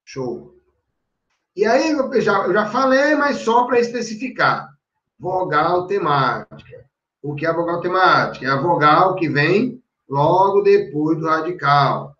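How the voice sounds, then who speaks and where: Guy teaching grammar slow n high, keeps checking everyone's following, far off mic in an echoey room. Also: expressive, a bit bright, dull audio. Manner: explains step by step, constantly checking in with the class. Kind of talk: exam-prep lecture.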